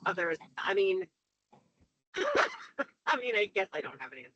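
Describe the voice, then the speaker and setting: A woman's voice: medium pitch, big pitch swings, a bit bright, breathy edge, no room sound. A woman on a conference call that breaks up, speaking hesitantly and correcting herself in a work meeting. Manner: hesitant, halting and self-correcting. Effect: conference call audio, breaking up. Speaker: committee member drafting defense standards. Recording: muffled lo-fi call line.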